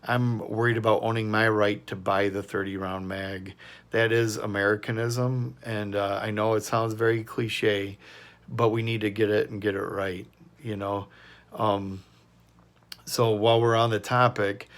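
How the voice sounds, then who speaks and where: A man's voice: fairly low pitch, little pitch movement, normal speed, fairly bright tone. A man hosting his own commentary channel, talking casually and earnestly in a rambling opinion monologue full of fillers and restarts.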